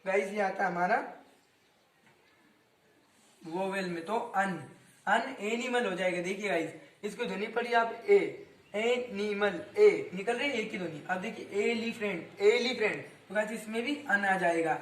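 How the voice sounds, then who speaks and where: A high-voiced young man explains grammar to his students, repeating words and quizzing them as he goes. He stands back from the mic, so his voice carries a roomy echo with faint background noise. He often stops to correct his own slips. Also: a little slow, a bit bright, recorded from a distance. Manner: frequent self-corrections. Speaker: teacher. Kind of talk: grammar lesson explained in Hindi.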